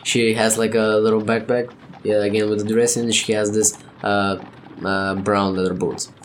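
A man narrating a tabletop game as game master, halting with many fillers, laughing often and swearing casually. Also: fairly low pitch, level tone, slight background noise.

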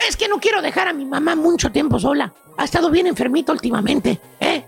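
Man doing a spoiled young slacker, prissy, whiny, dismissive, gravelly, music underneath. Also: very high voice, lively intonation, fast talker, a bit bright, voice pushed down, heavily acted. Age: 20s. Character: spoiled picky young man, lazy and fussy.

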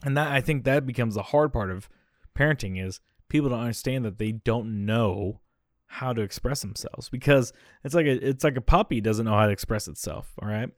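A man's voice: mid-range voice, fairly quick, dry recording. A young adult man hosting a casual solo podcast, rambling conversationally with frequent asides and a dry, slightly coughy throat. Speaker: podcast host.

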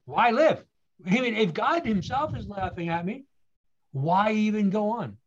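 A guest speaker with a high-pitched voice tells his story at a measured pace, expressive and earnestly motivational. He relies on rhetorical questions and repeated key phrases, and the recording sounds dull and lo-fi.

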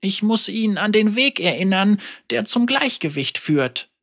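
An elderly woman, teacher and mother, speaks with calm, dry wit and gentle teasing, voiced by a storybook narrator. Her voice sits high and lilting and moves with lively melody. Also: unhurried, creaky, full character voice.

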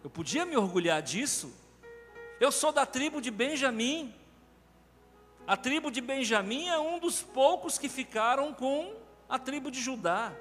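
Preaching a sermon with animated emphasis, a Brazilian pastor with a Brazilian Portuguese accent speaks in a high voice that swings widely. His words ring with long reverb through a large church sanctuary, faint music humming beneath.

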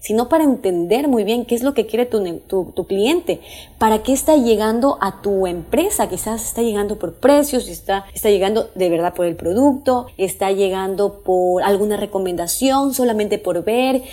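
A woman teaching customer service tips in an informal talk, chatting with the audience, often pausing on fillers and asking "right?" as she goes. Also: mid-range voice, animated, dark tone. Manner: conversational, with frequent fillers and tag questions; restarts sentences and corrects herself mid-phrase.

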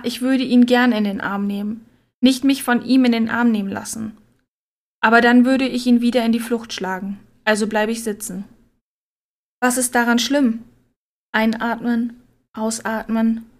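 A woman narrating a story in a quiet, subdued reading voice. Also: a little high. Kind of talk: scripted audiobook narration.

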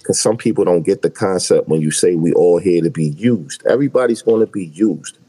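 A man's voice: sits low, a little fast, mellow, slightly rough, rough recording. A young adult man hosting a podcast in a laid-back, slangy, emphatic way. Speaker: podcast host. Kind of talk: casual chat.

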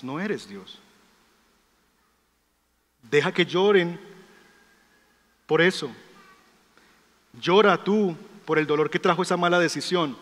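A man preaching a sermon as pastor, emphatic, asking rhetorical questions and dropping to a softer storytelling voice. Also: fairly high pitch. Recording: long hall reverb.

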